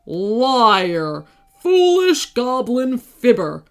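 A woman voicing a huge, grumpy and lonely male dragon, speaking slowly and gruffly. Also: medium pitch, very animated. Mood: angry.

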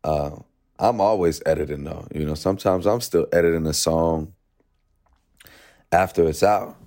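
A man's voice: low voice, normal speed, darkish tone. A man, a musician being interviewed, talking things through loosely and reflectively in casual chat. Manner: reflective, loose, says "you know" often. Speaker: guest musician.

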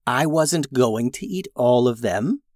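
A storyteller voicing a grumpy female crystal dragon who grumbles in a low, quiet voice. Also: lively intonation, slow, dry recording, studio quality.

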